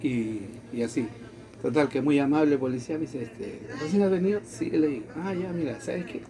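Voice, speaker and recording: Crowd noise sits behind this Latin American man's fairly high voice as he talks a little fast. He's casually recounting something personal in conversation, animatedly acting out what people said.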